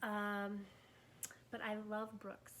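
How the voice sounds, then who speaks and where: A woman's voice: medium pitch, monotone, slow pace, fairly bright tone. Woman, middle-aged, mother, casual chat, easygoing, faint noise. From Michigan. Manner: easygoing, laughing, chatty. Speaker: mother talking about running.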